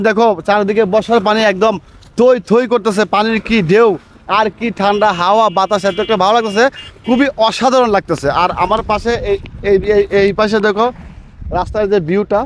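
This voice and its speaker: A man chatting casually as a travel vlogger outdoors, repeating himself as he points out the sights. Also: high-pitched. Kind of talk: casual vlog narration. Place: outdoors by floodwater and roads. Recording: noisy outdoor phone recording.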